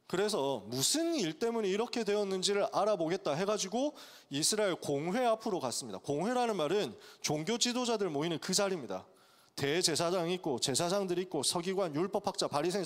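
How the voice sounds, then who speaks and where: A male pastor preaching to college students, telling the story in a lively way and acting out its characters' voices. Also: high-pitched. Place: church sanctuary. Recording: long church hall reverb.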